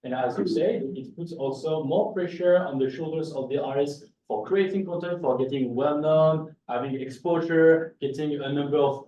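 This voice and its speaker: A man's voice: fairly high pitch, warm tone, muffled recording. A man with a strong French accent, an art gallery founder answering on a panel with many hesitant fillers. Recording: echoey room, distant mic, faint noise.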